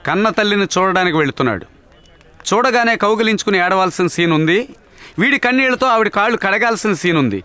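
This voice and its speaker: A man's voice: sits high, expressive, quick pace, bright, forceful tone, no echo. An actor dubbing a boastful, pompous male head constable in a film comedy who barks orders in English. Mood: self-pitying. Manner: blustering, barks commands in English. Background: film score music.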